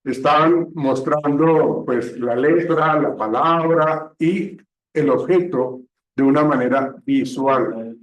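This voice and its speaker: Male teacher lecturing slowly, keeps checking in with the class, kinda high voice, dull distant recording. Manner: slow, checks understanding with frequent "¿sí?". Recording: echoey room, distant mic, dull sound.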